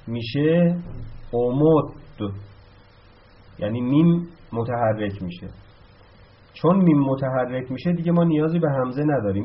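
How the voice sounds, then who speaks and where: A man teaching a grammar lesson, explaining step by step and answering his own questions, slowing down to spell out each verb form. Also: mid-range voice. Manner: slows down to spell out verb forms. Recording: slightly dull, lo-fi recording.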